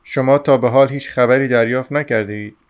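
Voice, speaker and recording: A man voicing a stiff, pompous middle-aged suitor in an audiobook, speaking formally and haltingly. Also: medium pitch, fairly even intonation, clean tone, highs cut off, natural voice.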